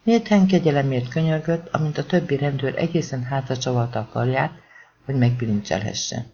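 Gravelly man narrating a tense audiobook. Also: medium pitch, highs cut off, a little hiss or hum. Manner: tense, acts out shouted lines of the characters.

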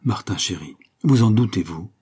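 A man reading a novel aloud, voicing a refined young woman who gently scolds and pleads with her fiancé. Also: lowish voice, animated, moderate pace, slightly rough. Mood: pleading. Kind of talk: audiobook character reading.

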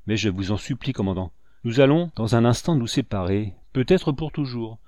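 A man's voice: medium pitch, animated, normal speed, warm tone, no echo, clean studio sound, lightly acted. A man voicing a devoted, remorseful male captain, speaking humbly and pleadingly. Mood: pleading, contrite.

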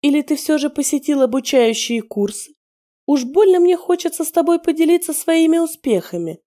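A woman's voice: animated, moderate pace, warm tone. A woman playing a sneering spiteful werewolf matriarch. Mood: mocking. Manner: sneering, taunting, shrill when pressed. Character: scheming middle-aged female werewolf, spiteful and mocking.

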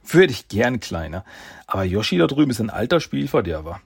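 A man voicing a calm young ninja who is a protective older brother, speaking gently and steadily. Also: mid-range voice, brisk, creaky, slightly rough, voice pushed up, heavily acted. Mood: teasing.

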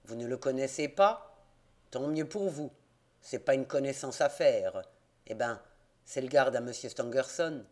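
A man reading an audiobook, voicing a gruff, hostile male innkeeper in the countryside who growls his words in rustic speech. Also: medium pitch, animated, a little slow, darkish tone, pitched below the performer's own voice, lightly acted. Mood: grumbling.

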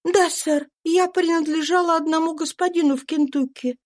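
A woman reading an audiobook voices a desperate young runaway mother, speaking high, fervent and pleading. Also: fairly even intonation, moderate pace. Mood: earnest. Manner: pleading, fervent, trembling with urgency.

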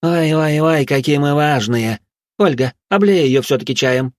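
A man's voice: fairly high pitch, unhurried, no echo, voice pushed up, lightly acted. A brash young woman fighter with a teasing, snappy tongue, as a man voices her in a storybook. He lifts his voice well above his own. Dry, close sound. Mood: mocking. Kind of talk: audiobook character voice.

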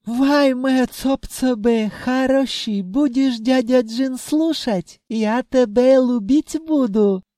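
A man's voice: very high-pitched, slow pace, hardly any pauses, dark tone, dry recording, studio quality, pitched above the performer's own voice. A man voicing a greedy, pushy blue-skinned male genie with a Caucasian accent and broken, exclamatory speech. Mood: pleading, indignant.

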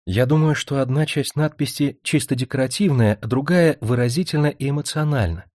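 A man voicing a gentle, reserved young woman in an audiobook, speaking softly and hesitantly. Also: medium pitch, a little fast, dry recording, studio quality, voice pushed up, lightly acted. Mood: explaining. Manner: soft, hesitant, quietly earnest. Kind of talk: audiobook character reading.

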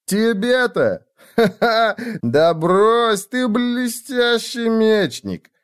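A man voicing a rowdy, boastful drunken friend who slurs his words loudly in an audiobook. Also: high-pitched, expressive, drawn-out words, clear, resonant tone, pitched above the performer's own voice, exaggerated voice. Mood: drunk exuberant. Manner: loud, slurring, boisterous. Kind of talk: audiobook character voice.

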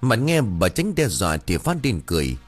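A man's voice: fairly low pitch, big pitch swings, moderate pace, breathy edge. A man narrating a ghost story audiobook with dramatic storytelling. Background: faint music.

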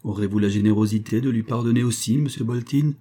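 A man voicing an earnest, conciliatory young engineer in a low, husky voice. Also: fast talker, mellow, close to an everyday voice.

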